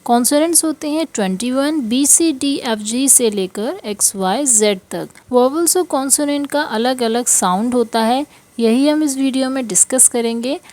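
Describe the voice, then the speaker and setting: Woman, English teacher, unhurried, repeats each letter sound, slightly high voice. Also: darkish tone, no echo. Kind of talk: slow explanatory lesson.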